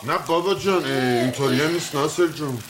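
An actor as a vain, huffy husband. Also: male voice, on the high side, a little hiss or hum, natural voice. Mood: exasperated, vain. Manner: indignant, exasperated, quick to rise. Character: vain, fussy husband and would-be TV psychologist. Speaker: husband, TV psychology expert. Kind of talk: sitcom acting.

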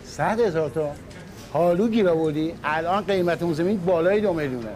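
An actor as a bitter, blunt land claimant. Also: male voice, fairly high pitch, darkish tone, natural voice. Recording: background noise.

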